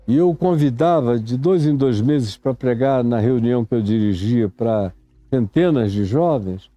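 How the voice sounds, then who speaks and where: A man in his seventies with a Brazilian Portuguese accent, a preacher telling a reflective story in a sermon, unhurried and reminiscing. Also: mid-range voice, dark tone, no echo. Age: 70s. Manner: slow, unhurried, reminiscing, acts out stammering syllables.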